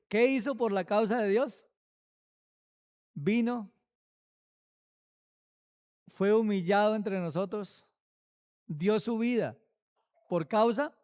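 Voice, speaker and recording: High, clear-voiced man preaching a sermon. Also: a little mellow. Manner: asks many rhetorical questions, slow and emphatic. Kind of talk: Bible study sermon.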